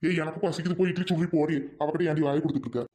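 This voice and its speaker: A woman voicing a gruff older father in a comic family skit. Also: low-pitched, steady tone, rapid-fire, mellow, pitched below the performer's own voice, natural voice.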